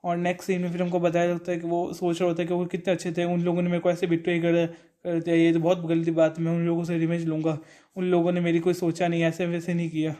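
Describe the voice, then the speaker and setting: A young man casually recaps an anime episode, rambling along and quoting the characters' lines in turn. His voice is fairly high, mellow, and completely flat, and he talks fast.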